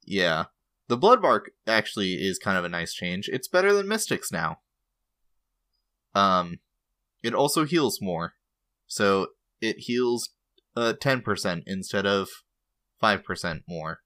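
A man co-hosting a casual gaming podcast, talking in a halting way with many pauses and restarts. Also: on the low side, very animated, sharp tone, dry recording, studio quality. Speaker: podcast co-host.

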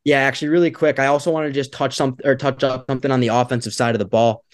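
A man's voice: mid-range voice, steady tone, fast talker, no echo, clean studio sound. A man co-hosting a sports podcast, upbeat and casual, chuckling between phrases. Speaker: podcast co-host.

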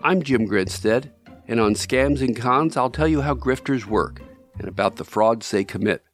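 A man hosting a podcast, reading scripted narration in a measured storytelling way, addressing the listener directly. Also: mid-range voice, faint music behind. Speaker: podcast host.

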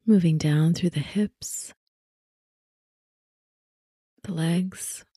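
A woman narrating a guided sleep relaxation like a sleep story narrator, soothing and softly spoken, with unhurried phrases and long pauses. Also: fairly low pitch, husky, no echo, clean studio sound.

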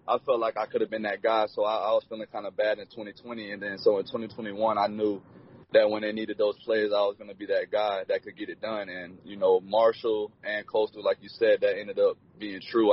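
Speaking in a fairly low voice with a breathy edge, a twenty-something college football player fields interview questions casually. Fillers like "you know" crop up constantly. The recording itself is dull and lo-fi.

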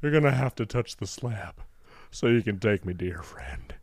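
A man's voice: fairly low pitch, lively intonation, moderate pace, a little mellow, husky, dry recording, studio quality. A man playing a tabletop game, speaking in character in a friendly, buddy-like way. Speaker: player. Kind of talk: in-character tabletop role-play.

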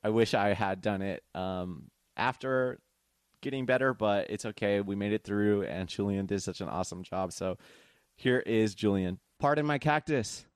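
A man's voice: lowish voice, moderate pace, clean tone, no echo, clean studio sound. A man from the United States hosting a podcast, talking in a friendly, enthusiastic, rambling way. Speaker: podcast host. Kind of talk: casual interview chat.

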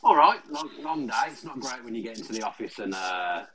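A man's voice: on the low side, expressive, fairly quick, a loud crowd. A man on an online call from his office, chatting in a dry, resigned way, his voice hollow and echoing as if he were in a tunnel. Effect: hollow echoing sound, as if in a tunnel. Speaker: podcast guest, sports news worker. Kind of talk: casual chat on a call.

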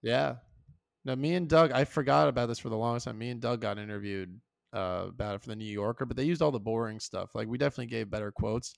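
A young man co-hosting a podcast, chatting casually and telling jokey, animated stories. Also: mid-range voice, fast talker, creaky, no echo, clean studio sound. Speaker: podcast co-host. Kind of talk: casual chat.

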